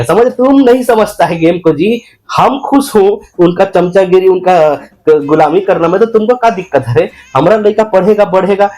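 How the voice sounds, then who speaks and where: A man's voice: sits high, a little mellow. A man playing a ranting rustic blind devotee. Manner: rustic broken Hindi, mocking, indignant rants. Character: boastful ignorant man, self-declared blind devotee. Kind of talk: satirical comic monologue.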